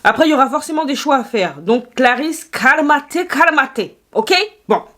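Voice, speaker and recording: A woman's voice: sits high, lively intonation, brisk. A woman chatting through a makeup haul video, playful and self-mocking, talking straight to her viewers. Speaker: beauty YouTuber.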